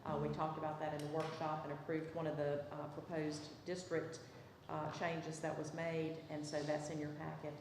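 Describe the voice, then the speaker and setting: A woman mayor with a Southern US accent, calmly chairing a city council meeting and calling votes. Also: low-pitched, normal speed. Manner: procedural, calm, calls votes. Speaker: mayor presiding over council. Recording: echoey council chamber, faint noise.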